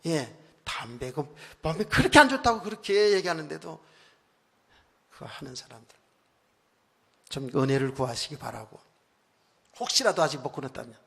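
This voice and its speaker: A male pastor preaching a conversational sermon, telling stories with frequent asides, moving from quiet remarks to loud emphatic bursts. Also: on the high side, expressive, normal speed, vocal fry, long pauses, husky. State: recently worn out and hoarse. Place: church sanctuary. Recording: long church hall reverb.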